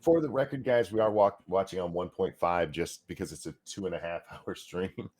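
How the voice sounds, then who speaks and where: A man with a very deep voice co-hosts a live stream. He talks in a relaxed, matter-of-fact way and gives his opinions plainly. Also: normal speed, a little hiss or hum. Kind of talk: casual chat.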